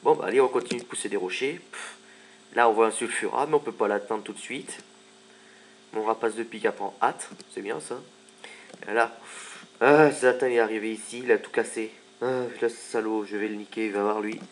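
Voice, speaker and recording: Low-voiced man joking through gameplay. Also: a little fast, slight background noise. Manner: joking, chatty asides. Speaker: let's play commentator. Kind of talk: casual gameplay commentary.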